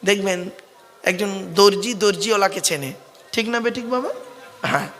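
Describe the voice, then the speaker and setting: A man with a high, bright voice preaches to an open-air gathering, his words ringing out with a long echo through the PA. He speaks with a South 24 Parganas Bengali accent. His tone is fatherly and coaxing, and he keeps pressing the listeners to call back answers. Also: moderate pace. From West Bengal, India. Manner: fatherly, coaxing, often calls listeners "bap" and asks them to answer back. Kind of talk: sermon.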